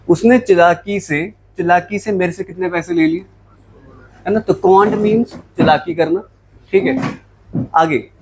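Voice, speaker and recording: High-voiced man teaching English vocabulary. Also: darkish tone, breathy edge, poor audio. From Jammu, India. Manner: explains in Hindi mixed with English, asks and answers his own questions. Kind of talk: classroom lecture.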